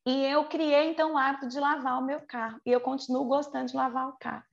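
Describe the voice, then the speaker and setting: A Brazilian Portuguese-accented woman in her forties preaches in a conversational way, stretching key words and interjecting quick, chatty asides while checking on listeners with rhetorical questions. Her high-pitched voice is gravelly with a steady tone, and the recording has its highs cut off.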